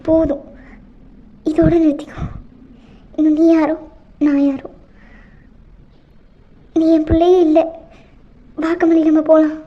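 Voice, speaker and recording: A woman's voice: high voice, close to an everyday voice. A woman voicing a furious scolding mother. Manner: scolding, harsh. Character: stern middle-aged mother, furious at her daughter. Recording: muffled lo-fi recording.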